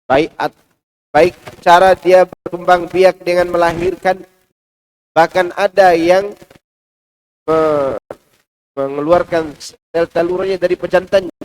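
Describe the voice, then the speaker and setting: A male preacher giving a Quran commentary lecture in a large mosque, with a lively delivery that swings between loud and hushed. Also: sits high, slow pace, long pauses, rough recording. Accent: Indonesian.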